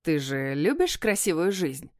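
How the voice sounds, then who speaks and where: A woman voicing a gruff, burly male kidnapper who talks in a mocking, curt way, read as a character in an audiobook. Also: low voice, very animated, unhurried, darkish tone, no room sound, studio quality.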